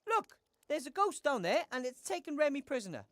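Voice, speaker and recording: A woman's voice: high voice, very animated, brisk, a bit bright. A woman playing an earnest, determined heroine in a fantasy adventure game, speaking directly and politely. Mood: insistent. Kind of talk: acted adventure game dialogue.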